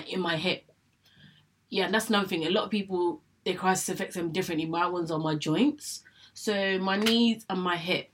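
In a candid personal monologue, an English vlogger in her young adult years shares her illness story with a mid-range, slightly bright voice. She talks chattily to camera, repeating herself frequently and voicing her past thoughts.

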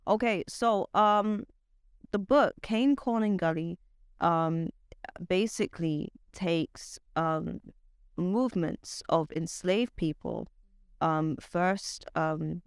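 Halting woman with a transatlantic British-Barbadian accent. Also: low voice, smooth, dry recording, studio quality. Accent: transatlantic mix of British and Barbadian. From born in Britain, raised in Barbados. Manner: halting, self-correcting, emphatic. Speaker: guest poet and author. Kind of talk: interview talk about own writing.

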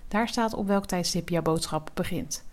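A woman hosting a tarot podcast, narrating in a calm, measured way and addressing the listener directly. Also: fairly low pitch, slight background noise. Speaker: podcast host and tarot reader. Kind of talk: scripted spiritual podcast narration.

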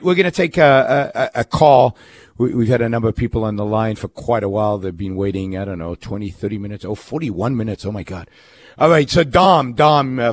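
A man from Israel hosting a call-in radio talk show, speaking earnestly with frequent restarts and fillers. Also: lowish voice.

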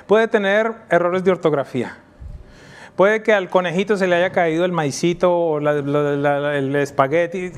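A man in his thirties preaches a sermon to his congregation in a church, his voice sitting a little high for a man. He grows animated and lifts his voice to drive home a point. He slows right down when he reads scripture aloud. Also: clean tone. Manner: animated preaching, voice rising for emphasis. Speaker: pastor.

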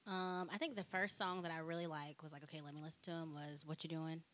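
A woman co-host asks questions in a measured, slightly hesitant way, her voice on the lower side for a woman. A faint noise sits under the recording. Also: little pitch movement, fairly bright tone. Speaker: podcast co-host. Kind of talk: casual interview questions.

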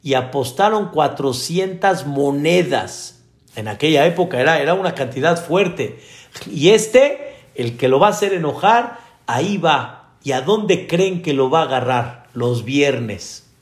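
Slow, animated rabbi in an echoing room. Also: male voice, a little high. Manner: animated storytelling, asks listeners rhetorical questions. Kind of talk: sermon. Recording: echoey room.

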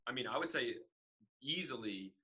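A man's voice: mid-range voice, animated, normal speed, sharp tone, low-quality recording. A young man co-hosting a podcast in casual chat, rambling and using "like" often. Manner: rambling, filler-heavy with "like". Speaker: podcast co-host.

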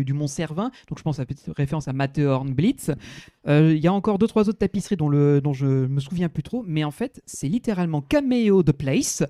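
A man's voice: on the high side, mellow, dry recording, clean studio sound. A man on a podcast, describing a theme park ride at length with frequent hesitations. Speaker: podcast co-host. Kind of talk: casual podcast discussion.

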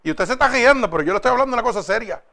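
A man preaching a sermon and giving his own testimony, moving between loud exhortation and hushed storytelling. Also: very high-pitched, expressive, rapid-fire, creaky.

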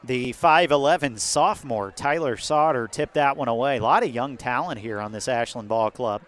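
A man with an American accent doing live football play-by-play outdoors atop a windy press box, lifting into excitement on big plays. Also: mid-range voice, normal speed. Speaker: play-by-play sports announcer. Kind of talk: live American football radio-style commentary. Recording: windy outdoor stadium broadcast.

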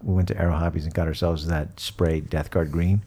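Male hobby podcaster, deep and mellow, informal, easygoing, a bit jokey. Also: level tone, moderate pace, slightly rough. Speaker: podcast host. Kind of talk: casual hobby chat.

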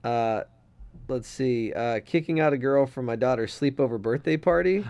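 A man's voice: medium pitch, normal speed, darkish tone. A man co-hosting a casual podcast, reading a listener letter aloud and giving blunt, opinionated takes with some swearing. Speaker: podcast co-host.

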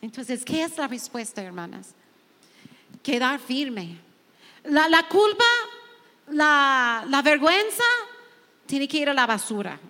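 A woman's voice: sits high, sing-song, takes it slowly, long pauses, bright, forceful tone, long reverb tail. A woman pastor, not a Spanish speaker, sharing heartfelt testimony and reading scripture to other women. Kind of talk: sermon-style sharing.

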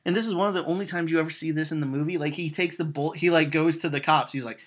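A man with a slightly raised voice recaps a movie in relaxed, chatty conversation. He tells it with lively energy and slips into the characters' lines as he goes. He fills his pauses with plenty of ums. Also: on the high side. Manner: animated storytelling, acting out quotes, frequent "um" fillers. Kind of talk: casual chat retelling a film.

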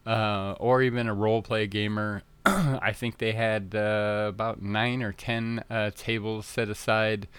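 A man's voice: fairly low pitch, little pitch movement, measured pace, few pauses, a bit bright, clear, resonant tone. A man hosting a podcast, chatting casually in a rambling way, full of fillers and restarts, a bit tongue-tied early in the morning. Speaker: podcast host.

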